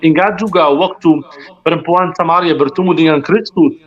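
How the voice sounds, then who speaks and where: A guest speaker in a conversational religious discussion, this earnest man explains his points with rhetorical questions and mixes in English words. His voice is fairly high at a moderate pace, and the sound is muffled and lo-fi.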